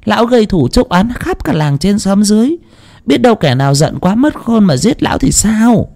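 A man's voice: high voice, big pitch swings, gravelly, darkish tone, pitched above the performer's own voice, exaggerated voice. Man doing a scolding bossy old wife. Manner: scolding, quick retorts. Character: sharp-tongued wealthy older wife, skeptical, bossy.

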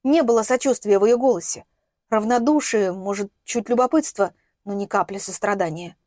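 A woman giving an expressive, emotional reading as an audiobook narrator. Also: medium pitch, normal speed, no room sound, studio quality.

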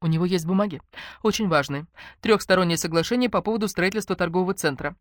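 A woman voicing a bossy, scheming young woman friend in an audiobook, speaking briskly and commandingly. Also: lowish voice, dry recording, studio quality, lightly acted.

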